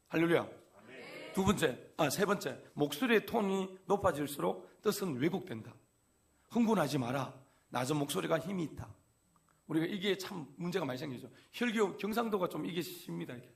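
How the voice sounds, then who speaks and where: A man's voice: on the high side, creaky. A male pastor preaching a sermon in church, folksy and conversational, acting out everyday quotes. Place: church sanctuary.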